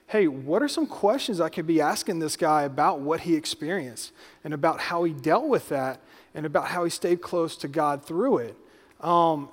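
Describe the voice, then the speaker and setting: A man hosting a church service, introducing a guest in an upbeat, conversational way. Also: fairly high pitch. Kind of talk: casual sermon introduction. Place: church hall. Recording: reverberant hall.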